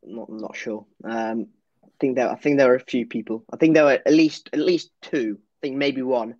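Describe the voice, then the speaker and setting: A man's voice: medium pitch, steady tone, moderate pace, darkish tone, no room sound, lo-fi sound. Hesitant male football podcast co-host. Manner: hesitant, lots of fillers and restarts. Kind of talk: casual match review chat.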